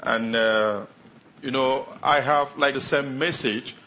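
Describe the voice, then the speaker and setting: A middle-aged African man, French his first language, preaches a sermon as a guest pastor. He talks quickly, with many fillers and restarts, in a bright, forceful mid-range voice, over a little hiss or hum.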